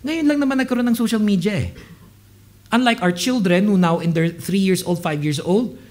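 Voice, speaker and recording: A man's voice: sits high, normal speed. A man in his late twenties preaching a sermon, telling stories and acting out the people he quotes. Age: late 20s. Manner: animated storytelling, mixing Tagalog and English, acting out quoted people. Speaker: pastor.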